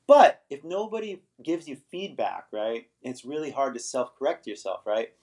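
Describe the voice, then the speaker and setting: A middle-aged man in Los Angeles hosts an English-teaching livestream, chatting casually and rambling with viewers while often adding "right?" to his points. His mid-range voice is expressive and a little mellow, at a normal speed.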